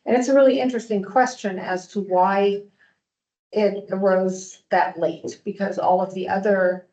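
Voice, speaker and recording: Measured woman from Germany, echoey sound. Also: medium pitch, steady tone, darkish tone, muffled recording. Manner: fluent, explanatory, measured. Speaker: invited speaker. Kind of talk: academic panel answer.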